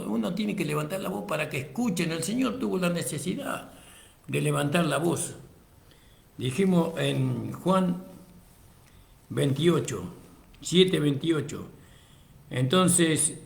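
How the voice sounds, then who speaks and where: A slightly high, gravelly male voice delivering a sermon. He reads scripture and addresses listeners as brother, pushing his voice up for emphasis before settling back down. The sound bounces around an echoey room. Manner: addresses listeners as brother, frequent praise interjections; raises voice for emphasis, then drops low. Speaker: preacher. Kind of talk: sermon with Bible reading.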